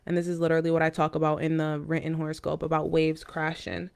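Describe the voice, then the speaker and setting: A smooth, clear-voiced woman, pitched a little low, reads horoscopes and tarot cards for her viewers. Her delivery is casual and mystical, halting now and then for informal, intuitive asides. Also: completely flat delivery, a little mellow.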